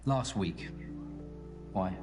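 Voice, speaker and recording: A guarded, deadpan date. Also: female voice, very deep voice, extremely slow, exaggerated voice. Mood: dry teasing. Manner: dry, deadpan wit. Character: guarded, teasing young woman on a dinner date. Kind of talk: live-action dating game scene. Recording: distant mic with music behind.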